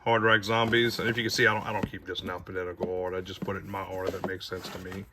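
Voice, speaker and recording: A man's voice: low voice, little pitch movement, very fast, background noise. A man giving a casual, rambling tour of his movie collection, with audible heavy breathing. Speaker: video collector showing his shelves.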